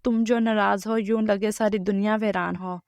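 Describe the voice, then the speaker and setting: Woman storyteller, steady scripted narration; monotone with a gravelly, dry close sound. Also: medium pitch, dry recording.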